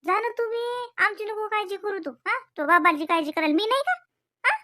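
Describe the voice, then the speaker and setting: A woman voicing a calm, firm old village mother in a cartoon, with a coaxing way of talking. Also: very high-pitched, normal speed, no echo, clean studio sound, pitched above the performer's own voice, heavily acted. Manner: soothing, coaxing, keeps asking "हा?".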